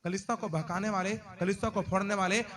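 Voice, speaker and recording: ऊँची तीखी आवाज़ वाला जोशीला पादरी. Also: male voice, high voice, fairly even intonation, quick pace. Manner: dramatic, shouting warnings, repeated hallelujahs. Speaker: pastor. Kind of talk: sermon.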